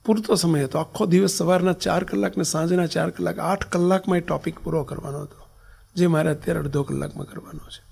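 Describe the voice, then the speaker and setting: Here a swami offers a religious discourse in storytelling form, his Gujarati accent clear and his pace fairly quick with a steady tone. The voice is a bit high, gravelly and husky, shifting between forceful loud lines and soft, whispery passages.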